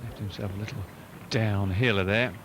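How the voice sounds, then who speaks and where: Male golf co-commentator chatting away, lowish voice, noisy outdoor course behind him. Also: steady tone, normal speed.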